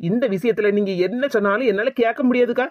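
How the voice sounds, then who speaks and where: Young cartoon wife, played by a woman: high, fast, sarcastic, Tirunelveli accent, dull dry audio. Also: no room sound, close to an everyday voice. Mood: coaxing. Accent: Tirunelveli Tamil. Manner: sarcastic, defiant. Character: sharp-tongued young wife, defiant.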